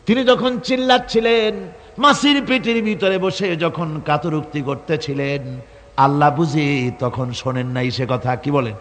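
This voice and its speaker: A man preaching a sermon, shouting at the peaks and chanting verses in a fervent, impassioned way. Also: fairly high pitch, unhurried. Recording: long hall reverb.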